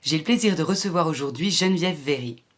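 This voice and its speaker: A woman with a French accent hosting a podcast, reading a measured scripted intro and then chatting with her guest. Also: low-pitched, lively intonation. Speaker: podcast host.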